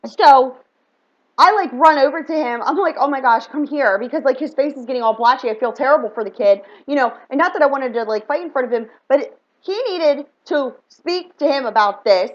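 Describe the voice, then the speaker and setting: A woman tells a heated personal story, emphatic and fired up, acting out each side of the dialogue. Her voice sits fairly high. The recording is dull and lo-fi. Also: a little fast. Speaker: spiritual reader and vlogger. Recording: dull lo-fi sound.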